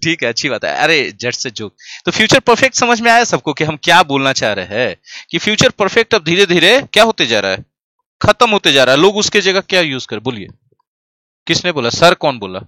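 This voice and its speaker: A man's voice: on the high side, sing-song, a little fast, bright, forceful tone, no room sound. A young man teaching grammar in an online class, teasing and quizzing his students. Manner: playful, teasing, asks the class questions. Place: classroom studio, standing at a desk.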